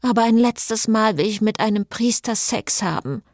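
A woman voicing a hot-tempered young woman who curses loudly, reading an audiobook. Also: a little high, moderate pace, no echo, clean studio sound, voice pushed up, lightly acted. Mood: cheeky. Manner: angry, loud, cursing.

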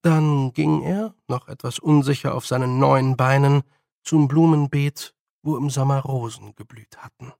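A man narrating a storybook in a measured, expressive way. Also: mid-range voice, creaky, dry recording, studio quality. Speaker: audiobook narrator.

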